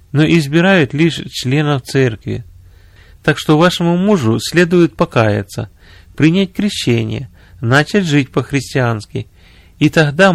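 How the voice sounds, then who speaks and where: A man's voice: a little high, gravelly, no room sound, clean studio sound. A man voicing an earnest male minister who explains scripture patiently.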